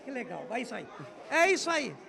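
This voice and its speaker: Very high-pitched, creaky Brazilian male reporter. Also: sing-song, brisk, bright, forceful tone, some chatter behind. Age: middle-aged. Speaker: event reporter. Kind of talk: chatty on-the-spot interviewing. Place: busy covered outdoor community lunch. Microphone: handheld reporter microphone.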